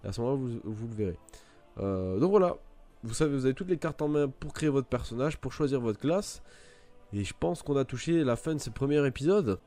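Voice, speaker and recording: A man's voice: mid-range voice, lively intonation, a little fast, warm tone, faint music behind. A man giving a casual, rambling game tutorial, full of fillers and restarts. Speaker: gaming video creator. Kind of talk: casual gameplay tutorial commentary.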